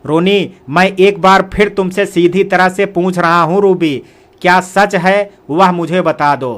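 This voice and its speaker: A stern young brother, as a man reads him aloud, scolding his sister in an earnest voice. The voice sits high for a man. It is a storybook character in a Hindi audio tale. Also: fairly even intonation, unhurried, fairly bright tone. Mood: patient, firm. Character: young adult brother, stern but patient.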